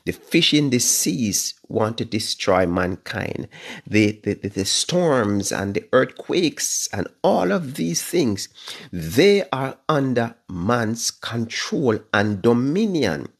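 A Jamaican-accented pastor in his fifties preaches a livestreamed Bible study from his living room, recorded on a phone camera held at arm's length. He speaks fervently and slowly, repeating phrases and stretching out stressed words. His voice is medium-pitched and gravelly, with big swings in pitch.

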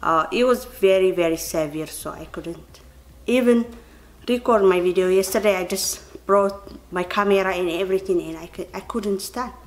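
A woman's voice: mid-range voice, normal speed. A woman in her thirties talking to camera in her kitchen, earnest and chatty, often calling her viewers you guys. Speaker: vlogger. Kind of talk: casual vlog to camera. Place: kitchen at home.

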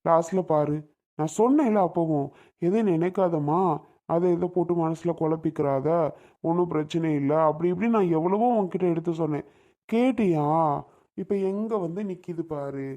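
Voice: mid-range voice, moderate pace, dark tone, natural voice. A performer playing an angry middle-aged father who scolds his son-in-law and worries about his daughter in a family drama skit. He speaks in a blaming, raised voice. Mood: scolding worried.

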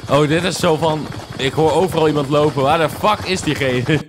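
Slightly high-pitched and speaking at normal speed against a noisy background, this young reaction host offers exclamatory, casual commentary full of English slang. He has a headset on and a desk mic close by, and he's indoors in a small furnished room at home.

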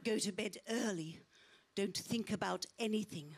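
A woman playing an odd, stern spinster sister from a small country town, reciting rules in a flat, dry deadpan. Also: mid-range voice, unhurried, gravelly.

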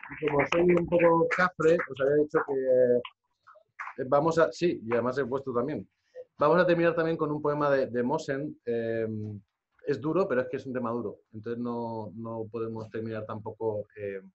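A man moderating a live book presentation, speaking haltingly with fillers and reciting a poem solemnly. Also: medium pitch. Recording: dull lo-fi event recording.

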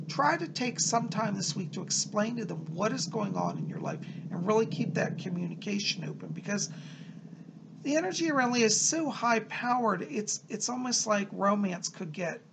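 A middle-aged man with a raspy, creaky voice gives an informal mystical horoscope reading as a psychic, encouraging and advising the listener directly. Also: high-pitched, very animated, moderate pace, noisy background. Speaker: psychic medium presenting horoscopes. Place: small room at home, indoors.

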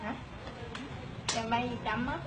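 A woman's voice: fairly high pitch, little pitch movement, takes it slowly. A woman being pranked by her neighbor, puzzled and repeating his questions back to him. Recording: distant and very noisy.

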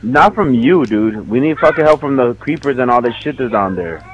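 A man chatting casually with friends over voice chat while gaming, excitable and swearing freely. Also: medium pitch, a little fast, rough recording. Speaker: gamer in group voice chat.

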